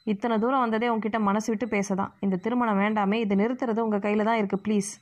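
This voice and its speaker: A woman's voice: medium pitch, little pitch movement, fast talker, a little mellow, lightly acted. A woman voicing an idealistic young daughter who speaks earnestly and pleads, recorded muffled and lo-fi. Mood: pleading.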